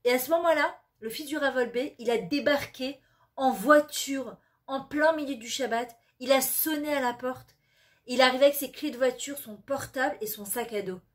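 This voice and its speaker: A middle-aged woman giving a storytelling talk on parenting and faith, lively and sprinkled with Hebrew words, acting out the people she quotes. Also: sits high, normal speed.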